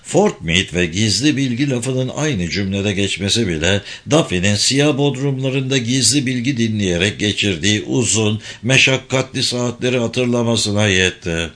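A low-voiced man gives scripted audiobook narration. He reads in a steady, even way. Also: moderate pace, hardly any pauses.

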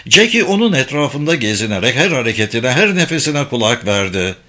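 A man reads a thriller aloud in a steady, suspenseful way. His voice is bright and forward, at a middle pitch. The delivery stays measured, as in a scripted audiobook. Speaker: narrator.

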